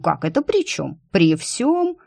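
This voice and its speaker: A woman's voice: on the low side, very animated, slow pace, gravelly, warm tone, no echo, clean studio sound, exaggerated voice. A woman voicing a cheeky, theatrical female talking squirrel who bickers with melodramatic flair in an audiobook. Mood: indignant. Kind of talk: audiobook character voice.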